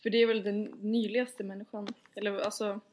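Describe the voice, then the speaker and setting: A woman's voice: medium pitch, flat delivery, a little mellow, slight background noise. A young woman, co-hosting a casual podcast chat in a teasing, rambling, giggly way. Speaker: podcast co-host.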